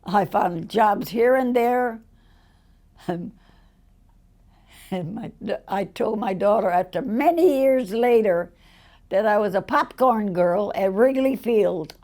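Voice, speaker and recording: A very old woman, over a hundred, telling stories from her life in a rambling, colloquial way with a gravelly old voice. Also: medium pitch, slow pace, long pauses, darkish tone. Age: over 100, very old. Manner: rambling storyteller, acting out quoted dialogue in plain colloquial words. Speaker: interviewee. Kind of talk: casual autobiographical storytelling.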